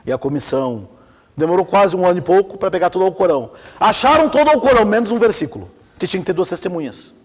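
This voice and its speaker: His high voice moves at a quick pace, trailed by a long reverb tail. The man, whose accent is Brazilian Portuguese, gives a casual Islamic theology lecture full of spirited stories and questions for the class.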